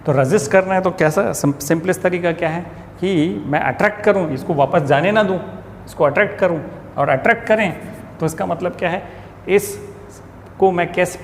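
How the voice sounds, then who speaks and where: A male physics teacher with a high voice lectures in class, explaining step by step and asking and answering his own questions. He slows to read English statements aloud carefully, amid long reverb and faint ambient noise.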